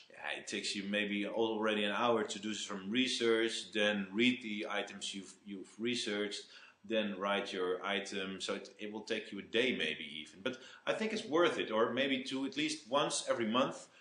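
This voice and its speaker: A man giving a live webinar talk, halting and restarting words often, with self-deprecating jokes. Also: fairly low pitch, a bit bright, reverberant. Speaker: webinar speaker.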